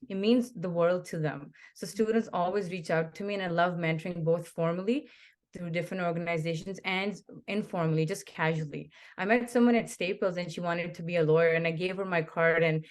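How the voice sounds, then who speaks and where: Earnest low-pitched woman lawyer. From Pakistan. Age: 30s. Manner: earnest, steady storytelling. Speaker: criminal defence lawyer. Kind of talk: interview answers.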